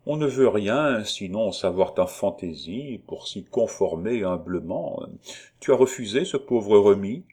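A man's voice: lowish voice, animated, unhurried, warm tone. A man playing a sly, doting old colonel. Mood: teasing. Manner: coaxing, falsely paternal.

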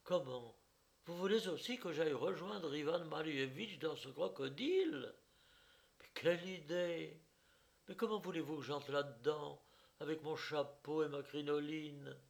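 A man voicing a flighty, pretty young woman who is capricious and quick to take offence, in a read-aloud story. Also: fairly high pitch, gravelly, voice pushed up. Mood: indignant. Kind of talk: audiobook character voice.

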